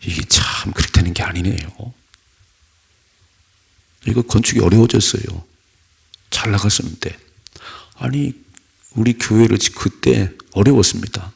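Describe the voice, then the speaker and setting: A man preaches at an early-morning church service, his low voice heavily gravelly and very husky. He talks to the congregation conversationally, tossing out rhetorical questions and weaving in personal stories. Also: a little slow, pauses often. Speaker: pastor.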